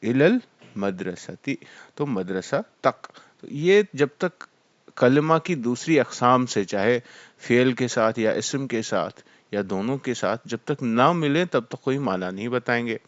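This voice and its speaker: A man teaching Arabic grammar in a lecture, explaining terms slowly and mixing in English words. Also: mid-range voice, expressive, no echo, lo-fi sound. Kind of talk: classroom lecture.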